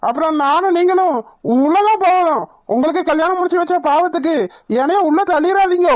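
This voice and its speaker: A woman's voice: extremely high pitch, brisk, very noisy. A woman voicing a timid, talkative male wedding priest in a cartoon, whiny and flustered. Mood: coaxing. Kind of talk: cartoon voice acting.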